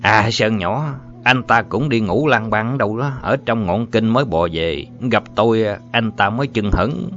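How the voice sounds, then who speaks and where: A man's voice: lowish voice, lively intonation, unhurried, hardly any pauses, a bit bright. A man doing a swaggering, boastful big-brother type. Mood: playful. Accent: Southern Vietnamese. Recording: muffled with faint music.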